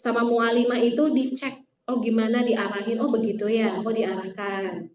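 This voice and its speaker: A woman's voice: a little high, little pitch movement, normal speed, darkish tone. Woman teaching Quran letters in an echoey room. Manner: repeats letter sounds to demonstrate, asks the class questions. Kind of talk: classroom tajwid lesson. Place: classroom with some students online. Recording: echoey room, mic at a distance.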